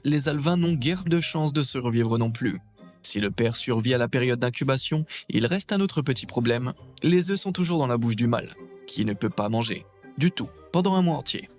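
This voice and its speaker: Man narrating a nature documentary over music. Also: mid-range voice.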